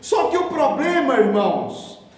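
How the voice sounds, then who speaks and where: A man preaching a sermon, telling a story and acting out the voices, swinging from hushed to loud. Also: extremely high pitch, sing-song, measured pace. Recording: echoey hall, voice from far off.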